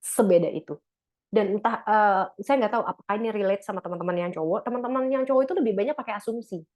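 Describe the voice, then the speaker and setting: A woman's voice: medium pitch, quick pace, a little mellow. A middle-aged woman, giving a casual talk to a church couples' group, chatty, slangy and laughing often. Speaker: speaker at a church couples' fellowship.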